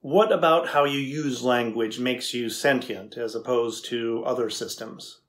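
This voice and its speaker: Unhurried and a bit bright at a medium pitch, this middle-aged man's voice stays close to how he'd normally talk. Indoors before a plain backdrop, he plays a skeptical, curious tech engineer questioning an AI in a scripted dramatization, probing in a matter-of-fact, inquisitive way.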